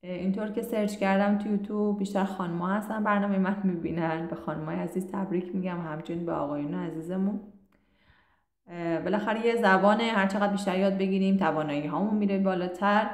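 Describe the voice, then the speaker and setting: A woman giving a casual online language lesson, chatty and encouraging, who slows down to spell out sounds. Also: medium pitch, steady tone. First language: Persian. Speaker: Spanish language teacher. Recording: roomy echo.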